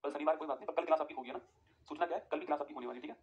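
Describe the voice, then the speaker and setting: A man's voice: a little high, rapid-fire, lo-fi sound. A man teaching a live online geography class, dictating notes and asking his students again and again whether they follow. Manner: repetitive, keeps asking "ठीक है?"; addresses students as friends, gives dictation.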